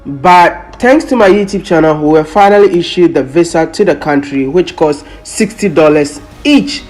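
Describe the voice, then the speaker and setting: A man's voice: on the high side, moderate pace, a little mellow, faint music behind. A man from Ghana vlogging his travels in an upbeat, chatty way, full of curious questions. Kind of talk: casual travel vlog narration.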